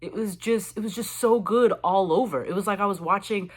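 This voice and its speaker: A woman chatting excitedly as a vlogger, reviewing a show in casual commentary with lots of fillers. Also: mid-range voice, fairly quick.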